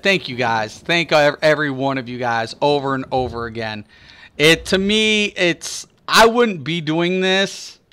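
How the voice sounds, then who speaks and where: This gaming streamer's voice is a little high, bright and forceful yet clean. He keeps up a casual, filler-heavy ramble on his live stream, thanking viewers, calling out chatters by name, and laughing playfully throughout.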